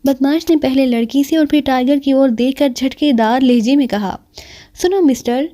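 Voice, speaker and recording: A woman narrating a crime thriller novel aloud with steady, dramatic storytelling. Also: high-pitched. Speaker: audiobook narrator. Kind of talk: novel reading.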